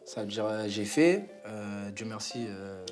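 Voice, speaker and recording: A man telling a story to friends in a casual, halting way, full of slang and fillers. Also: on the low side, lively intonation, over music. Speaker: guest.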